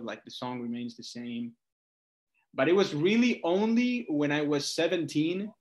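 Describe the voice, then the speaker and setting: A lo-fi clip captures a mid-range male voice belonging to a singer-songwriter from Buenos Aires, Argentina, interviewed as a guest musician. He chats informally, telling his story with lots of conversational asides and repeated "like" and "you know."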